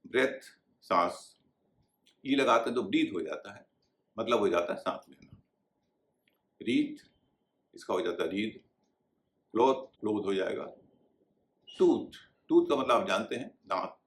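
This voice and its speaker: A man with a fairly low voice explains pronunciation rules in a slow, deliberate teaching manner, spelling words out letter by letter. The recording has a noticeably echoey, roomy sound. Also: lively intonation.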